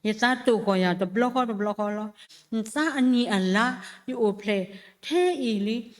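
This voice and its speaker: A woman giving a spoken testimony at church, halting and full of fillers and repeated syllables. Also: a little high, lively intonation. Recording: long reverb of a church hall.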